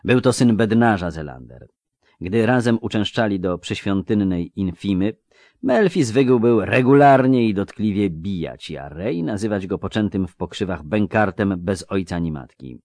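A man with a low voice reads a story aloud, shaping each sentence with lively pitch. The recording is dry and close, with no room around it. His delivery is measured and expressive. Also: dry recording. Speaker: narrator. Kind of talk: audiobook reading.

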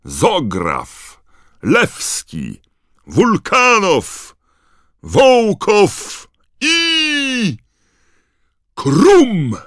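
A man voicing a booming male stadium announcer who calls out names to a crowd, in an audiobook reading. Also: huge pitch swings, drawn-out words, long pauses, a bit bright, no room sound, studio quality, exaggerated voice. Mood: booming, announcing.

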